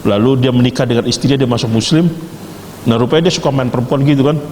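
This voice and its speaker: A man teaching a theology class, quizzing students with quick, joking questions and telling stories. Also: mid-range voice, darkish tone. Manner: jokey, rapid-fire questioning of students. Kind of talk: interactive class lecture with storytelling. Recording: echoey hall, faint background hiss.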